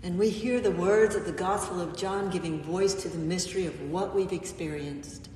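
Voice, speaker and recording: A woman pastor preaches a gentle, unhurried sermon, pausing often between phrases. Her voice sits a little low and carries a long reverb, as though caught by a mic set well back in a church sanctuary. A faint hum of the room lingers behind her. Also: steady tone. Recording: echoey church, mic far off.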